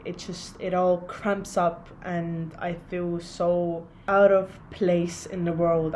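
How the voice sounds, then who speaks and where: Soft-spoken young woman from Estonia. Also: on the low side, a little hiss or hum. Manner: soft, searching, with pauses and fillers. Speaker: vlogger. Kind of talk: casual reflective monologue to camera.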